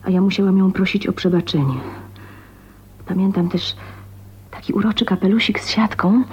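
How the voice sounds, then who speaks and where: In a 1980s radio drama monologue, an actress soliloquizes as a bitter, lonely, ailing spinster of twenty-nine, her breathy, husky voice introspective and halting, often half-whispering, lightly acted. Her pitch is medium with a darkish tone, and the radio recording sounds dull and muffled.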